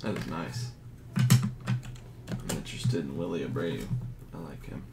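A man casually narrating as he reveals graded trading cards, reading out each grade in a low-key, unhurried way. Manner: slow, low-key commentary, grades read in a flat list. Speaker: card collector. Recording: audible background noise.

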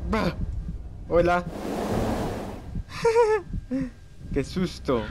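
A man's voice: medium pitch, moderate pace, background noise. A young man playing a horror game, muttering to himself and shrieking at the scares. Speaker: gamer.

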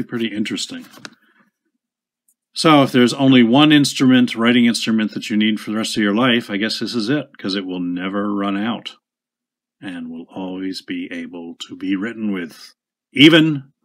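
A man casually demonstrating a writing instrument at his desk, chatty and unhurried, with small asides and self-corrections. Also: on the low side, fairly even intonation. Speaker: pen shop owner demonstrating a product.

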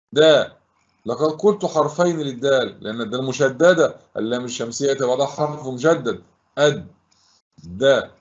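A man teaches in a patient, deliberate way, breaking words into sounds and stopping to quiz his pupils. His voice sits at an ordinary middle pitch. The audio is dull and lo-fi. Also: darkish tone. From Egypt. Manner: slow, syllable-by-syllable explanation, asks pupils questions. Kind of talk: classroom lesson.

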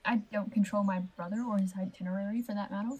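A woman's voice: medium pitch, fairly even intonation, fast, mellow, natural voice. Woman reading a teasing young noblewoman.

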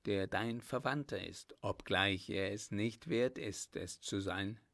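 A man's voice: on the low side, takes it slowly, vocal fry, a bit bright, full character voice. A man voicing a brave, ardent young male lieutenant with a firm, earnest manner. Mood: resolute.

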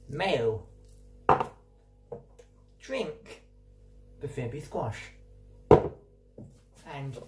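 This step-by-step cooking vlog features a teenage boy jokingly announcing, in mock-serious fashion, how he makes lunch, shot on a handheld phone in his home kitchen and bedroom. He speaks in a creaky male voice of fairly high pitch.

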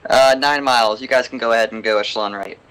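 A young man leading a flight in a flight simulator, mixing calm, clipped radio calls with casual chat. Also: mid-range voice, fast. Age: young adult. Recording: clearly noisy headset voice chat.

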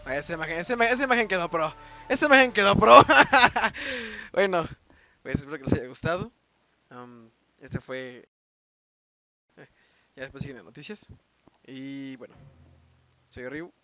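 A man with a Mexican Spanish accent giving live gameplay commentary, excitable and cursing at enemies. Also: medium pitch, normal speed, long pauses. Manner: excitable, swearing, shouting at enemies. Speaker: gameplay video host.

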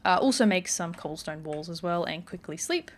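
A woman's voice: lowish voice, animated, a little fast. A woman gaming YouTuber giving casual, rambling let's-play commentary with lots of "like" and "um" as she plays. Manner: chatty, rambling, many "like" and "um" fillers.

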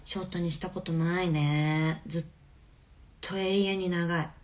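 A woman hosting a casual live stream from her home on a phone, chatting in a relaxed way and answering viewers' comments. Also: on the low side, a little slow. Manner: chatty and relaxed, often laughing softly.

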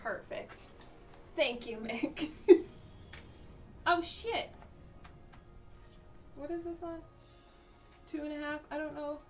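A woman streaming a game, chatting casually with her viewers, swearing often and breaking into loud outbursts and laughter. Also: high-pitched, takes it slowly, pauses often, recorded from a distance, soft background music. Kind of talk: casual gameplay chat.

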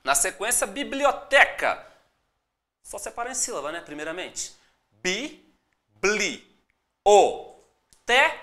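A Brazilian-accented teacher running a live exam-prep class, voice swooping up and down with every point. The tone is bright and forceful, and the delivery is upbeat, encouraging and full of direct greetings to viewers. Words get broken into slow, drawn-out syllables to make each rule clear. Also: medium pitch. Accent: Brazilian Portuguese.

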